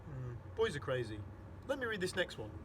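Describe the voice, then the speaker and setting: Male storybook reader; high, very animated read-aloud. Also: a little fast, slight background noise, low-quality recording. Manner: animated, doing voices.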